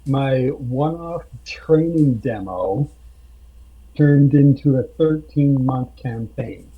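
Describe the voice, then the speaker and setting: A man on a podcast, telling a tabletop game story slowly with many pauses and fillers. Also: mid-range voice, slightly rough. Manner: slow, halting with many fillers. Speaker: podcast guest, game master. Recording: dull lo-fi sound.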